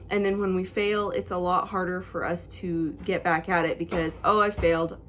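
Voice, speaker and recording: A woman's voice: medium pitch, a little hiss or hum. A young woman talking to camera from her bedroom in a chatty, slightly scripted vlog, with her toddler heard in the background. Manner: chatty and apologetic, a bit scripted. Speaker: vlogger. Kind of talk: casual vlog talk to camera. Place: bedroom at home. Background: toddler noises in the background.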